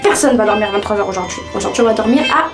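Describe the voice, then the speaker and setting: A young woman from France, eighteen, chatting casually to her viewers at home in an animated, self-mocking way. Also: medium pitch, rapid-fire. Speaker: vlogger. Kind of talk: casual vlog chat to camera. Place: home, indoors. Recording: music playing clearly behind.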